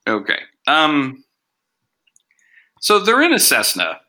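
A man's voice: on the high side, huge pitch swings, slow, pushed and bright, poor audio. A man hosting a casual podcast reviewing TV episodes, chatty and sarcastic, with lots of asides. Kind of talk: casual chat.

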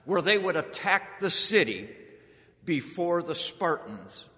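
An American man telling history as a public speaker, deliberate and dramatic, with emphatic pauses. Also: a little high, big pitch swings, sharp tone. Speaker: speaker giving a historical talk to an audience. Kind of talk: public storytelling speech on history. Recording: echoey hall with long reverb.

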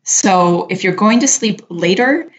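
A woman co-hosting a show, giving relaxed, chatty advice with lots of filler words. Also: medium pitch, a little slow. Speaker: podcast co-host answering listener questions. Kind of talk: casual advice chat. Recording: dull lo-fi sound.

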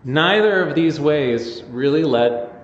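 A man preaching a sermon as pastor, conversational and animated in his storytelling. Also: fairly high pitch, slow, roomy sound, in a large hall, dull audio, slight background noise.

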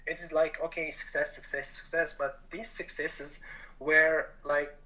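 Syrian-born guy on a podcast, earnest, keeps rephrasing, bright kinda higher voice. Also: little pitch movement, a little slow, poor audio. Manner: earnest, rephrases often in non-native English. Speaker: podcast guest. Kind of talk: conversational interview.

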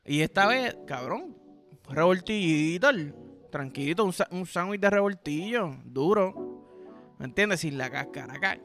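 A young man with a Puerto Rican accent rambles through a crude comic story as a podcast host. His voice sits high and sounds bright and forward. He swears freely and keeps it casual. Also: lively intonation, measured pace, soft background music. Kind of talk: casual comedic monologue.

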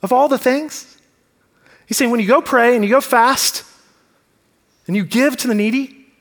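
A male pastor with a high, light voice delivers a sermon in an earnest, conversational way. He keeps putting questions to the congregation. His words carry a long reverb from the church sanctuary. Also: moderate pace, a bit bright.

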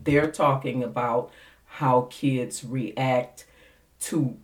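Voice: medium pitch, steady tone, extremely slow, soft background music. An interview host asking rambling questions full of fillers and restarts, in casual conversation. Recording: voice distant from the mic.

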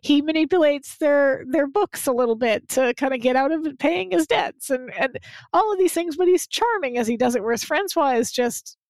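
High-voiced woman chatting, laughing often. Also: expressive, normal speed, darkish tone, no echo. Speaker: podcast co-host. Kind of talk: casual chat.

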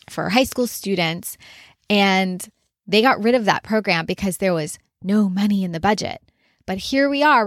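A woman's voice: mid-range voice, dry recording, clean studio sound. A woman business coach talking earnestly in a casual solo monologue, often using filler words like "like". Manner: earnest, conversational, frequent "like" fillers.

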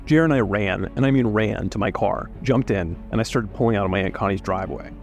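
Low-voiced man narrating over soft music. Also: gravelly, muffled recording. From Alabama. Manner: measured, reflective storytelling. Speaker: podcast narrator. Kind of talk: scripted true-crime narration.

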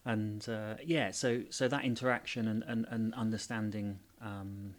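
A man, a heating engineer, talking casually in an interview, hesitant with many pauses and restarts. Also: on the low side, steady tone.

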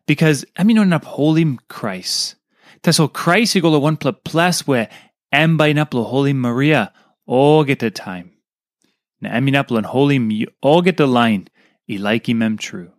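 A man's voice: medium pitch, moderate pace, no echo, clean studio sound. A man with a Papua New Guinean accent reading a scripted devotional. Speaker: devotional reader. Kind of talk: scripted devotional narration in Tok Pisin.

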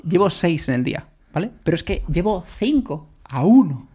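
A man, a podcast co-host chatting casually and telling anecdotes with lively acted-out quotes. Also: high voice, moderate pace, breathy edge. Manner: animated storyteller, acts out quoted voices. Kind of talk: casual chat.

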